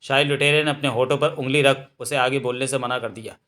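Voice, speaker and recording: A man reading a novel aloud as narrator, in a steady storytelling manner, correcting an occasional slip. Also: mid-range voice, a little fast.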